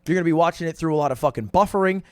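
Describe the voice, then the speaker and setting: A man giving animated opinion commentary in a blunt, exasperated manner, swearing often. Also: a little high, very fast, clean tone, dry recording. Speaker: online commentator.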